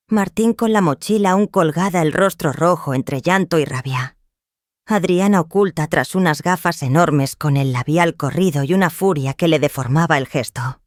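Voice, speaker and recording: An older woman narrating her own story in the first person, calm, firm and cold. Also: lowish voice, no room sound, clean studio sound.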